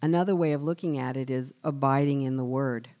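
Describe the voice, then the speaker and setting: A woman giving a devotional church teaching in an earnest, measured way, often dropping softer on key words. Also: extremely low pitch, steady tone. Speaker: church speaker.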